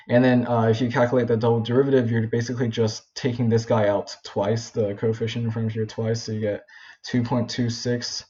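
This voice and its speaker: This casual whiteboard walkthrough features a young man tutoring physics, his mellow voice pitched in the middle. He thinks aloud informally, with plenty of ums, "right?" and self-corrections, and the audio is a dull lo-fi home recording.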